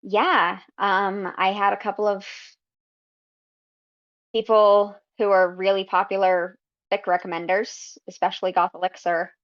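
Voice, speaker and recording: A woman guest on a podcast, talking casually about her writing in an unhurried, thoughtful way with frequent ums. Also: medium pitch, flat delivery. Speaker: guest fanfiction writer. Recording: slightly dull lo-fi audio.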